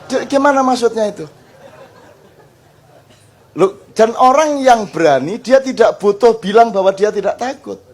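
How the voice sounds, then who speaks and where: An older man preaching to a gathering, animated and joking, acting out little dialogues. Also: high voice, slightly rough. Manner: animated, joking, mixes in Javanese phrases, acts out dialogues. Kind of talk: lively Islamic study talk before a crowd.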